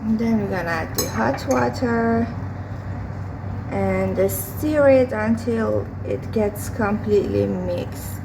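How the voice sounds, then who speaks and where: A hoarse woman with a mid-range voice cooks in her home kitchen while talking through her day in a casual vlog. She speaks slowly and hesitantly with many fillers, and street and vehicle noise from outside comes through the open windows.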